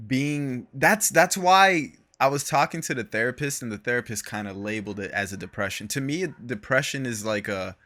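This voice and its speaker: A man's voice: mid-range voice, normal speed, hardly any pauses, sharp tone. A young man co-hosting a podcast in casual chat, laid-back and slangy, laughing often and trailing off. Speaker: podcast co-host.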